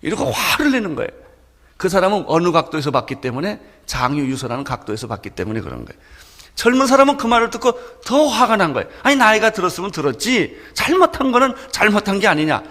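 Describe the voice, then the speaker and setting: A man preaching a sermon as pastor, with animated delivery that swings between loud emphasis and soft asides. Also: on the high side, quick pace, in a large hall.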